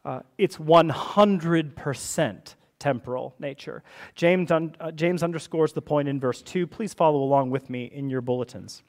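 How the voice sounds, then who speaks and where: A man's voice: on the high side, moderate pace. A man, the church's rector, preaching a sermon in a church service in a conversational way, often checking in with the listeners. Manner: conversational, checks in with tag questions.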